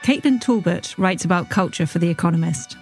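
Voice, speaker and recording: A woman's voice: fairly low pitch, animated, fairly quick, soft background music. A woman hosting a podcast, introducing a guest and asking short, inquisitive questions. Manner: crisp, inquisitive. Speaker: podcast host. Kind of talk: scripted interview hosting.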